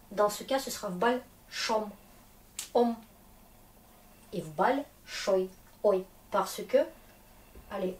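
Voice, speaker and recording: A woman teaching a language lesson at a slow, deliberate pace, regularly stopping to ask whether everyone is following. She is a native Russian speaker and sits well back from the mic. The room has a noticeable echo and a faint hiss in the background. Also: medium pitch. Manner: patient, checks understanding often. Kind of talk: classroom lesson. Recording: echoey room, distant mic, faint noise.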